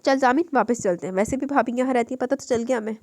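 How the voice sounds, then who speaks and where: A woman's voice: fairly high pitch, fast, darkish tone, no echo, clean studio sound, close to an everyday voice. A woman reading aloud, voicing a young man's friend who speaks in an easygoing, matter-of-fact way. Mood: calm.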